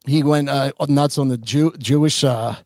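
A man's voice: mid-range voice, fairly even intonation, normal speed, a little mellow, dry recording. A man co-hosting a podcast in casual chat, rambling with many fillers and restarts. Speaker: podcast co-host.

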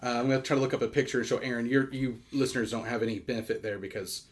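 Male podcast co-host, middle pitch, rambling and self-correcting in casual talk. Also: flat delivery. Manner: rambling, self-interrupting, quick laughs.

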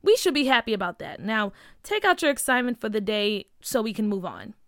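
A woman's voice: a little high, sing-song, a little fast, no echo, studio quality. A woman doing a hesitant, impatient schoolteacher. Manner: hesitant, with fillers.

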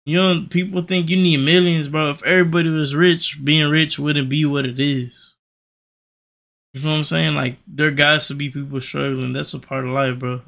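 Creaky, higher-voiced young man, frat-bro slang. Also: level tone, normal speed, a bit bright. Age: young adult. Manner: emphatic and repetitive. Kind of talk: casual chat, ranting.

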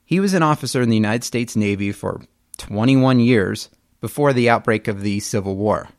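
A man narrating history like a story told to friends, casual and blunt with emphatic turns. His voice sits at an ordinary middle pitch. The sound is dry and close, with no room around it. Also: moderate pace, no room sound.

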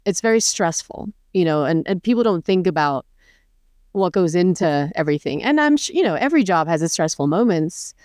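A woman chef hosting an interview, talking in a relaxed way with light laughs between phrases. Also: lowish voice, brisk, no room sound, studio quality. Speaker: chef and host. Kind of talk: casual interview chat.

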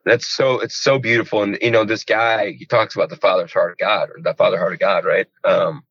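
A man in his forties, from rural Georgia, talks with a low voice and a loose, enthusiastic ramble, full of "you know" and "man". He's a pastor chatting casually. The sound is dry and a little dull, like a lo-fi recording. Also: flat delivery, brisk, a bit bright, slightly rough, dry recording. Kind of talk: casual conversation.

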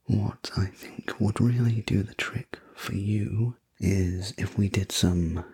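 A man speaks in a whispered role-play as a sleep story narrator. His voice is low and very breathy, with hardly any tone in it. He takes his time over each phrase, gently reassuring and soothing the listener as an attentive host. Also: fairly even intonation. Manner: slow, gentle, reassuring delivery. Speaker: host playing a sleep room preparation attendant.

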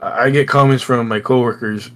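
A young man co-hosting a podcast, chatting casually with friends in loud, matey, sweary banter. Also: medium pitch, fairly even intonation, fairly quick. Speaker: podcast co-host. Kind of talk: casual chat among friends.

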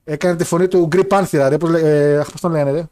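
A young man with a fairly high, steady and slightly mellow voice co-hosts a podcast, reading out listener messages. He jokes, laughs and rambles in casual banter about wrestling and football.

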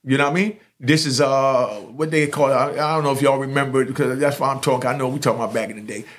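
A man's voice: medium pitch, fairly even intonation, quick pace. A man telling a long street story in casual chat, rambling with many fillers and restarts. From New York. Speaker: storyteller host.

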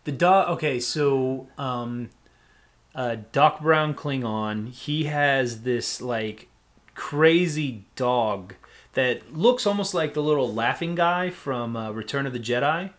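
Male podcast co-host, average pitch, casual movie chat, filler-heavy and giggly. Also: slow pace, a bit bright. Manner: rambling, laughing, frequent fillers.

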